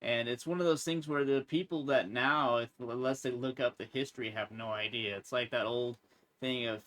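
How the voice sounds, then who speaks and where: A man's voice: medium pitch, steady tone, normal speed, a bit bright. Easygoing man in his thirties. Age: 30s. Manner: easygoing, agreeable, many "yeah"s and restarts. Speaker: podcast co-host. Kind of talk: casual chat.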